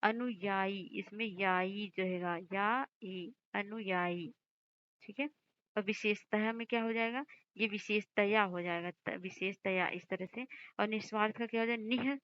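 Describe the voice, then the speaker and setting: A woman teacher going through exam questions, explaining each answer and slowly repeating words to stress their spelling. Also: medium pitch, muffled recording. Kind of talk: exam-prep lesson.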